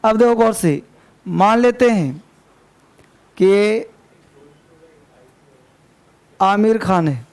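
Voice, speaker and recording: A man leads a grammar lesson in a classroom, his voice pitched high with a rough, gravelly texture. He repeats key points, corrects pronunciation and calls the students to order in a fond, chiding way. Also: lively intonation, takes it slowly, darkish tone. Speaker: English teacher.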